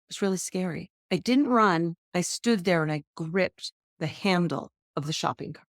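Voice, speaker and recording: Recorded dry with clean studio sound, a woman speaking at normal speed hosts a podcast monologue about her own experiences. She keeps it chatty and self-deprecating, her pitch jumping lively.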